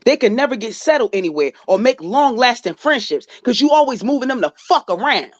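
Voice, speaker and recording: A woman's voice: on the high side, very animated, brisk, no room sound, muffled recording. A woman vlogger giving blunt, profane, scolding commentary, talking straight to the person she is criticizing. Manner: blunt, scolding, profane, addresses the subject directly. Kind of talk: casual reaction commentary.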